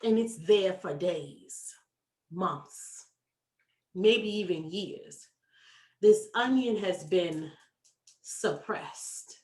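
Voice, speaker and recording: A woman success coach giving a motivational talk, animated and folksy, addressing the audience directly. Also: lowish voice, drawn-out words, long pauses, distant mic. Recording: echoey room, voice from off mic.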